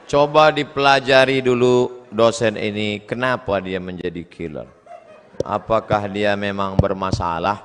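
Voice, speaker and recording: A man's voice: mid-range voice, fairly bright tone. A man in his forties preaching a humorous question-and-answer sermon, storytelling and acting out quoted exchanges. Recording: long hall reverb.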